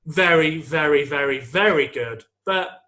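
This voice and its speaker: A podcast co-host with a fairly high, sharp voice rambles unhurriedly about songs on a comedy podcast. He swears, laughs often, and sings lines from the songs as he goes.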